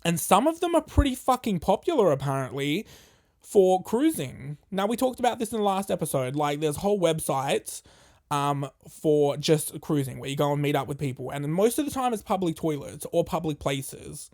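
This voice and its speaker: A podcast host, telling a story casually in a profane, animated and jokey way. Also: mid-range voice, normal speed.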